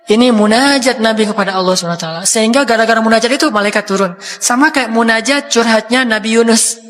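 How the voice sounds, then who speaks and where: A man's voice: high-pitched, fast talker, fairly bright tone. A man from Indonesia preaching a sermon, telling stories in a casual, conversational way and acting out the quotes. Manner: casual storytelling with acted quotes. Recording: long hall reverb.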